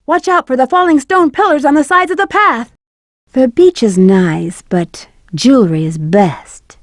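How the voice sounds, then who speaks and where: Rouge the Bat, very high-voiced sassy game heroine. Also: female voice, a little slow, no echo, studio quality. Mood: confident, sassy. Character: flirty, cool-headed female bat treasure hunter, adult. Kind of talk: video game voice acting, short in-game hints and callouts.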